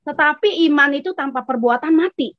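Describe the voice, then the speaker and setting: A woman with a high voice tells a casual church testimony, chatty and acting out each side of a conversation. The sound is close and dry, a little dull and lo-fi. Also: brisk, dry recording. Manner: chatty, acts out both sides of a conversation. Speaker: congregation member giving testimony.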